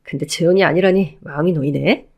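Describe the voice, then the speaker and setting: A woman's voice: sits low, fairly quick, darkish tone, highs cut off. A woman voicing a wheedling, self-pitying ex-husband who begs his former wife to take him back, in a Korean audio drama. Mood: pleading. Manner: pleading, whiny.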